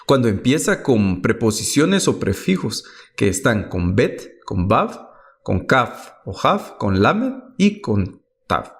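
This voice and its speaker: A man's voice: medium pitch, very animated, slow. A man teaching Hebrew pronunciation rules, patiently reading each example word and then translating it.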